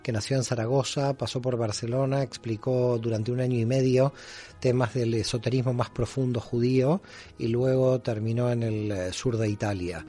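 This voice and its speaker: A man explains things patiently as a radio guest, formal in manner and full of small fillers. His voice is mellow and dark. His pitch sits in the middle. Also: fairly even intonation, moderate pace. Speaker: guest scholar. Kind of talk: explanatory interview answers.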